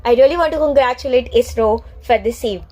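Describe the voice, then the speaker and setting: A woman's voice: fairly high pitch, a little fast, darkish tone, rough recording. A young woman with an Indian accent tells a space story in a vlog, earnest and heartfelt. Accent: Indian English.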